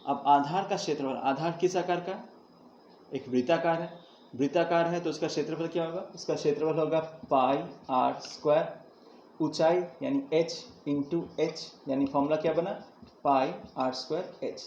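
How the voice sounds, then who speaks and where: A man's voice: on the high side, normal speed, a little mellow. A man teaching a math lesson, explaining step by step and asking his students questions that he then answers himself. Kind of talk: classroom math lesson at a board. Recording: echoey room, dull lo-fi sound, faint hiss.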